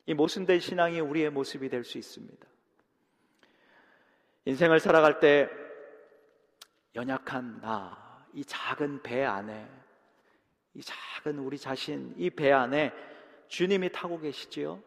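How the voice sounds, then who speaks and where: Gravelly pastor preaching in an echoing church. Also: male voice, medium pitch, a little slow, long pauses. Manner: dramatic preaching that swings from loud emphasis to hushed, near-whispered lines; acts out short prayers and quotes within the sermon. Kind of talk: sermon. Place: church sanctuary.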